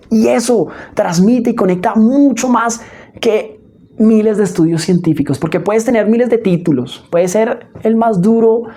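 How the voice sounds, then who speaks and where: A woman teaching public speaking in a spoken lesson, expressive and often checking in with her listeners. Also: lowish voice, slightly rough. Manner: expressive, demonstrates emotions with her voice; frequent checking "¿sí?" asides.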